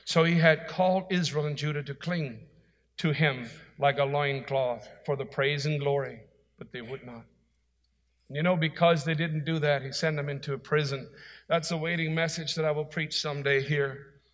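A man's voice: on the high side, steady tone, normal speed, a bit bright, in a large hall. A man preaching a sermon as pastor, with an earnest, emphatic delivery.

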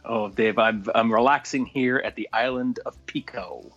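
A man calling in as a remote correspondent over a radio link, chatting easily and explaining things with halting restarts. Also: medium pitch, a bit bright, highs cut off, faint music behind. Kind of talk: casual comedic radio chat.

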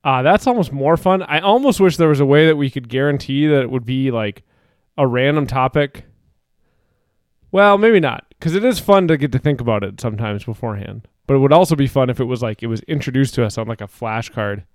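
A man co-hosting a podcast in casual chat, playful and quick to laugh, a little out of breath. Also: mid-range voice, expressive, no echo, clean studio sound. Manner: playful, laughs often, hums tunes. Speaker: podcast co-host.

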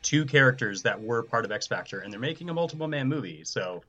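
A man's voice: mid-range voice, expressive, fast, a bit bright, slightly rough, muffled recording. A man co-hosting a casual podcast chat, talking things through step by step. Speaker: podcast co-host.

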